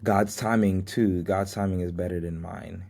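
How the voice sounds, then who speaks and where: Speaking at a moderate pace, he has a low, steady, creaky voice with a darkish tone. He's a podcast host in his twenties from the US, originally a Haitian Creole speaker, earnestly sharing faith-filled life lessons in a solo reflective talk and chuckling at himself at times.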